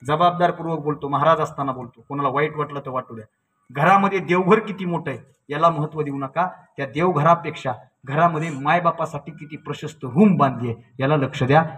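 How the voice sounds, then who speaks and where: A man lectures a crowd, his voice sitting a little high. He tells stories with swings between quiet lines and sudden loud, dramatic outbursts. He is caught from a distance on a hall mic. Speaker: public speaker. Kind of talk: emotional public lecture.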